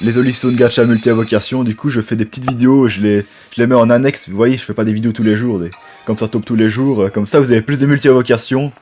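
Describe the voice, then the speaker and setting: A man with a low voice giving rambling, chatty gameplay commentary and talking to viewers as friends. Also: steady tone, fast, darkish tone. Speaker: gaming YouTuber.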